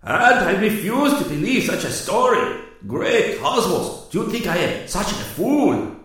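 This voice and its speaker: A heavy, reluctant enemy cruiser commander, put on by a man reading aloud. He talks slowly and stiffly, with a strained high voice full of indignation. The sound rings with a roomy echo. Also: very animated, a bit bright, far from the mic, heavily acted. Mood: indignant.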